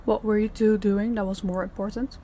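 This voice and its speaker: This scripted audio roleplay has a woman as a stern crime boss giving orders to her department heads in a businesslike, commanding manner. Her voice is mellow and medium-pitched, level in tone and a little fast, lightly acted, over a slight hiss or hum.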